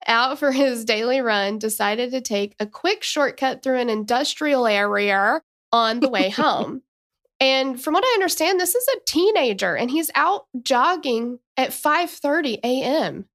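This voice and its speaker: A woman's voice: high voice, expressive, a little slow, fairly bright tone. A woman in her thirties co-hosting a casual true-crime podcast, chatting and reading case notes with asides. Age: 30s. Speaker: podcast co-host.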